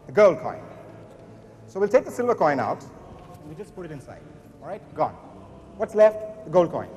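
With a fairly high, very animated voice and a darkish tone, this young man gives moderately paced, showy magician patter in the style of a kids' party entertainer, telling the audience what to do. He performs on a big auditorium stage; the recording has echo, long reverb, faint music and a little hiss or hum.

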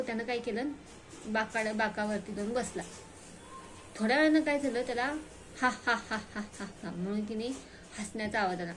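A woman narrating a children's story in a simple, animated way, with small restarts. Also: a little high, slight background noise.

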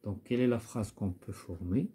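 A man's voice: on the low side, moderate pace, mellow, slightly rough. A man, a primary school teacher patiently guiding a child through a workbook and repeating each word for the child to echo. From Morocco. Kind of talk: guided workbook lesson.

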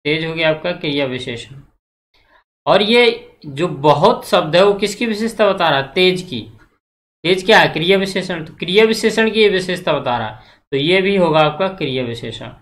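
A man's voice: fairly high pitch, animated, normal speed, a bit bright. Hindi grammar teacher quizzing his class. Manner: repetitive, asks the class questions and answers them; checks in often. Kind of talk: exam-prep grammar lecture.

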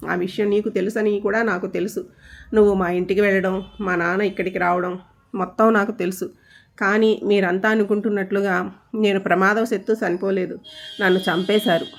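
A woman's voice: mid-range voice, fairly even intonation, a little fast, natural voice. A woman voicing the spirit of a murdered young woman, speaking earnestly and mournfully in a storybook tale. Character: dead young woman's spirit, pleading for justice.

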